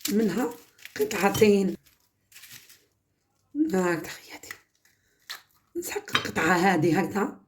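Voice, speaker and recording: A woman's voice: medium pitch, darkish tone, a little hiss or hum. A woman with an Algerian Arabic accent hosting a home cooking channel, chatting through a home-remedy demonstration and often calling her viewers "my sisters".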